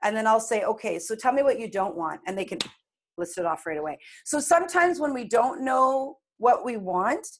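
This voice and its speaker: A woman's voice: a little high, expressive, moderate pace, noisy background. A woman in her late forties, a coach, talking earnestly and reflectively in a casual interview. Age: 40s. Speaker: guest coach.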